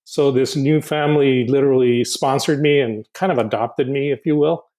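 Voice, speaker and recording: A Honduran man in his 60s appears as a guest on a casual podcast interview, speaking at a medium pitch with a darkish tone. His delivery is halting and reflective, full of restarts and repeated words as he gathers his thoughts.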